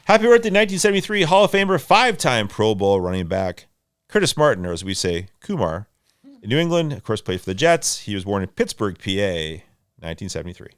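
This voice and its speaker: A man co-hosting a casual sports podcast, animated and bursting into loud shouts as he reads trivia. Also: lowish voice, fast, clean tone, dry recording, clean studio sound. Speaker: podcast co-host.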